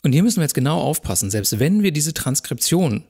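A man giving a recorded university lecture, working through exam questions step by step in a calm, methodical way and speaking directly to his viewers. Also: a little high, quick pace, husky.

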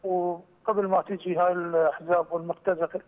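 A man's voice: sits high, level tone. A man from Iraq with an Iraqi accent, calling in over a headset phone line to argue his point earnestly. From Iraq, Kirkuk. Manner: earnest, argumentative, fast. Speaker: caller. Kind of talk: call-in political comment. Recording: thin phone line, distant, reverberant.

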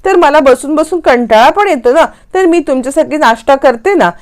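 A woman's voice: high voice, lively intonation, moderate pace, pitched above the performer's own voice. A woman voicing a sly young woman who sounds sweet and pleading. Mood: sugary.

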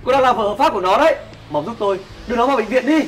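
A man's voice: very high voice, lively intonation, very fast. A man playing an earnest, protective brother. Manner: earnest, pleading. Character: kind, protective older brother. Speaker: actor. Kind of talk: web skit drama. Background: background music.

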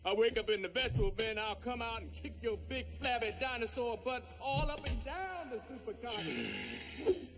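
A man's voice: very high-pitched, big pitch swings, normal speed, over music, exaggerated voice. A man voicing a streetwise, cocky talking food item in a fridge, in a TV sitcom.

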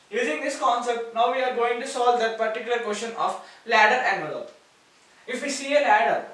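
A man's voice: very high-pitched, a bit bright. A man with an Indian English accent teaching maths at a board, explaining step by step and repeating key words. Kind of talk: whiteboard lecture. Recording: echoey room, far from mic.

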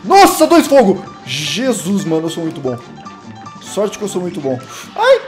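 A young man with a Brazilian Portuguese accent, excitedly commentating his own gameplay, yelping and exclaiming at every hit. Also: fairly high pitch, normal speed. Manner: excitable, yelps and exclaims constantly, self-mocking. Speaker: gaming channel host. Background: faint game music.

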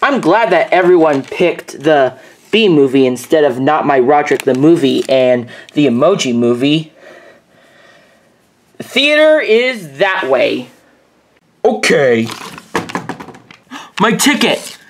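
A woman playfully voicing characters in a homemade toy video, lively and exaggerated. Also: low voice, slow, long pauses.

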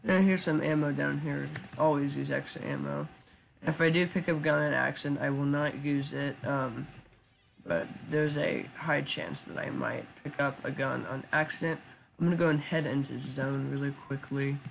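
A man giving casual live commentary while he plays a shooter game, talking in a flat, chatty way with lots of ums. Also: a little high, normal speed, creaky, a little hiss or hum. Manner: self-described monotone, chatty, with frequent ums. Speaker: gaming YouTuber.

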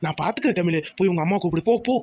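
A woman's voice: on the low side, rapid-fire, a little mellow, breathy edge. A woman voicing an insistent young village husband in a cartoon. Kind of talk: cartoon voice acting.

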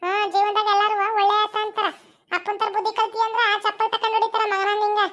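Picture a bossy village mother with a piercingly high voice and a North Karnataka Kannada accent, as a young woman acts her out in a comedy skit. She fusses over babies, teasing and scolding them in a sing-song coax. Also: level tone, fast talker, fairly bright tone. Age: young adult.

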